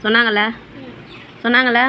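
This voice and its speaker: A woman in her thirties, a mother, scolding her children with rapid repeated questions during a casual home prank video. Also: on the high side, level tone, crowd noise.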